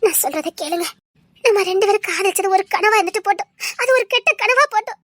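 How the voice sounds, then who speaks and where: A tearful young sister in a home-made drama, voiced by a woman, pleading through her crying. Her voice is extremely high, and the recording is dry and close to the mic. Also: fast talker, a bit bright, no echo. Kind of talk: amateur drama dialogue.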